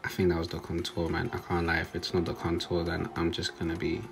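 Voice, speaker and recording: A man's voice: low-pitched, monotone, quick pace, vocal fry, soft background music. A young man giving a casual, joking voice-over, narrating step by step.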